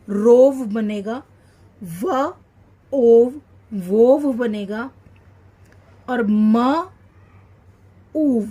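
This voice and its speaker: Woman teaching kids phonics, kinda high voice, sounds out every bit super slow. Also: a little mellow. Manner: slow, sounding out each syllable and repeating words. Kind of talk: children's phonics lesson.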